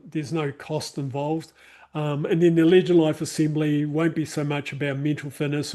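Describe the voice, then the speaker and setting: Heard over a video call mic, the host of an online workshop has a slightly high, darkish voice and a New Zealand accent. He wraps up for the live group in a casual chat marked by many fillers and restarts.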